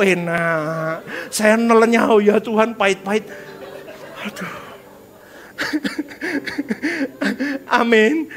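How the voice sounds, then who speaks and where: Energetic joking male pastor preaching. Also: very high-pitched. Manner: energetic and joking, sprinkles English words. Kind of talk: lively sermon with audience call-and-response. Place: church service before a congregation.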